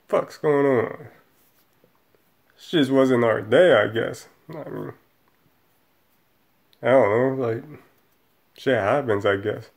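A man's voice: mid-range voice, slow pace, gravelly, pauses often. A man in his thirties giving a profane, rambling post-game rant as a football fan, filmed in a small room on a webcam. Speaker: sports fan vlogger.

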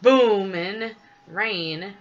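A woman voicing a gruff country handyman who speaks bluntly in dialect. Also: lowish voice, slow pace, fairly bright tone. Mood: grumbling. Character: gruff country handyman man mending walls. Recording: slightly dull with faint hiss.

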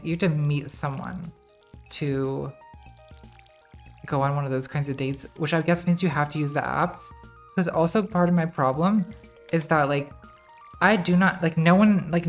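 Indoors in her home streaming room, a woman in her thirties plays a game while chatting casually with her live-stream chat, self-deprecating and laughing often. Her voice is very soft and quiet, and also deep.

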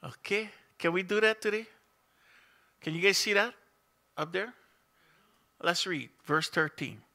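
Seated behind a stand mic in a small church room, this middle-aged pastor delivers his sermon in a chatty way and asks the congregation questions. He speaks Hawaiian Pidgin-tinged English in a high, animated voice that sounds pushed and bright, keeping a measured pace.

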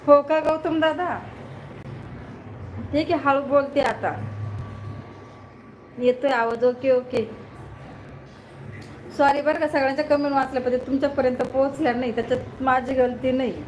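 Loud high-voiced woman hosting a phone live stream. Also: steady tone, moderate pace, long pauses, a little hiss or hum, rough recording. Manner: loud, greets viewers by name, keeps asking if she is heard. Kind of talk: casual live stream chat greeting viewers. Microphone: phone held close.

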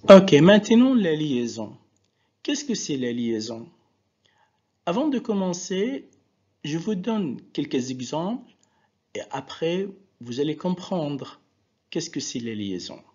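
A man's voice: a little high, sing-song, slow, long pauses, darkish tone. A man teaching a French lesson and switching into Arabic to explain, patiently repeating and drawing out example words for his students. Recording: dull lo-fi recording.

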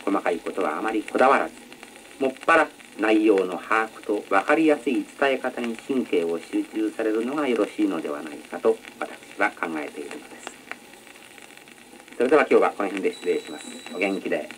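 Older-record male instructor, lively pitch, polite formal lecturing, faint hiss. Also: brisk, low-quality recording. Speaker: announcing instructor. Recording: old record with faint noise.

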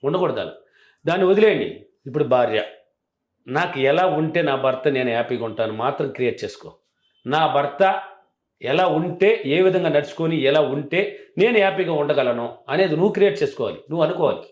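A man working as a relationship coach, giving animated, emphatic advice and repeating his key points. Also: on the high side, fairly quick. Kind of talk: advice talk. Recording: roomy echo.

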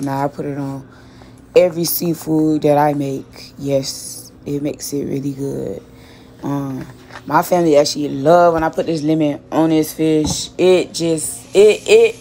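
A young Miami woman with a low, warm voice chats slangily as she prepares fish in her kitchen at home for her cooking vlog. She's talkative and repeats words while cooking, and there's a little hiss or hum.

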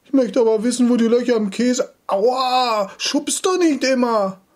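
A man's voice: extremely high pitch, unhurried. A man voicing a curious, stubborn little boy who keeps pleading with his parents. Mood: whiny insistent. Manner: pleading, insistent questions.

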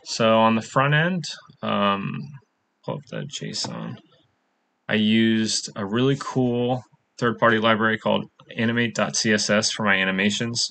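A young man, a coding bootcamp student, casually walks through his web app in a screen-recorded project demo, dropping lots of "um" fillers. His voice sits on the low side and sounds gravelly, with a fairly bright tone.

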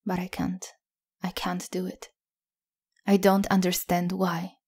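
A shaken, grieving mother in an audio story, speaking quietly while her voice cracks and her words stumble, read by a woman narrator. The voice sits low and stays level in pitch, with a husky, breathy edge. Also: monotone, slow.

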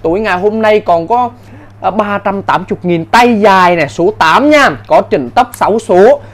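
A man giving an insistent hard-sell live sales pitch as a seller, in short, repetitive bursts. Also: expressive, normal speed. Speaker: live-sale seller of power tools.

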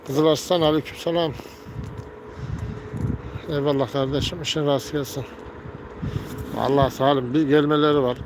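Pigeon keeper, casual talk at the coop, voice a bit high, noisy outdoor recording. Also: male voice, little pitch movement, moderate pace, pauses often. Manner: calls birds with repeated gel, gel and whistles, scolds loudly. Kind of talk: casual narration while tending pigeons.

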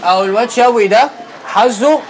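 A man's voice: extremely high pitch, brisk, a little hiss or hum. An actor playing an idle young man who teases his friends in slang, with an Egyptian accent. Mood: teasing. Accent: Egyptian Arabic. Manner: teasing, slangy.

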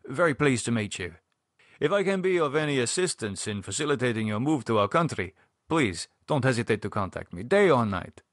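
A man's voice: mid-range voice, very animated, a little fast, dry recording, clean studio sound. A man voicing a lawyer in his fifties, eager and formal.

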